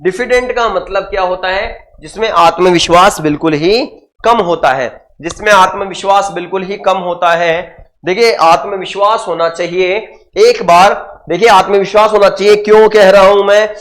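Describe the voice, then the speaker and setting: A man's voice: high-pitched, moderate pace, fairly bright tone. A man teaching English vocabulary in an online exam-prep lesson, explaining in Hindi mixed with English and often repeating key words. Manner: addresses students as guys and sir, frequent checks like okay.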